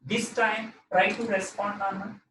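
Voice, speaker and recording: South Indian man teaching, high-pitched, echoey. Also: flat delivery, takes it slowly, pushed and bright. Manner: repeats phrases, often tags with "okay". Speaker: physics teacher. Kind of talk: live lesson, working through problems and questioning a student. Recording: roomy echo, distant mic, noisy background.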